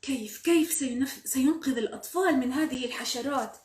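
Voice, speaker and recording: A woman's voice: brisk, a little mellow, close to an everyday voice. Woman putting on a squealing jolly uncle. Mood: pensive. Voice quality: high squealing exclamations. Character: jolly cheerful uncle, a neighbourhood man. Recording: roomy sound from a distant mic.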